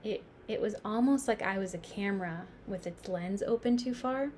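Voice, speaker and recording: Over some background noise comes a reflective woman, played by an actress, delivering an intense dramatic monologue. Her voice sits at a medium pitch. She confides haltingly, pausing and repeating words for emphasis as on a theater stage. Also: a little mellow, lightly acted. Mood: dazzled, wondering. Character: reflective New York woman musing on mortality. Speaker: actor performing a stage monologue.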